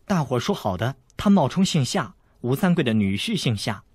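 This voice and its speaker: A man's voice: on the high side, big pitch swings, fast talker, husky, no echo, pitched above the performer's own voice. A man voicing a shy young swordswoman who speaks bashfully and gets flustered. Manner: bashful, stammering.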